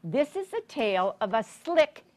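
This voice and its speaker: This American woman in her sixties has a slightly high, somewhat mellow voice with big pitch swings and an unhurried pace. In a carpeted indoor library program room she reads a picture book aloud to young children at story time, teacherly and sing-song, often drawing them in with questions.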